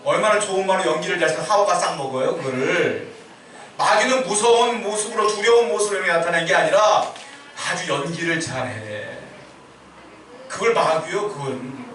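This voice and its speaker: A man's voice: high voice, expressive, normal speed, fairly bright tone. A man preaching a sermon as pastor, asking his congregation questions and answering them himself. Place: church sanctuary. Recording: echoey church hall, mic far off, faint hiss.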